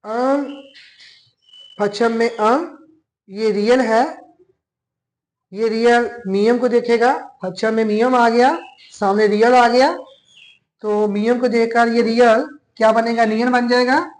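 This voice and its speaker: A man with a Pakistani accent giving a classroom lesson as a language teacher, talking slowly and deliberately and spelling out syllables one by one. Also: very high voice, steady tone, poor audio.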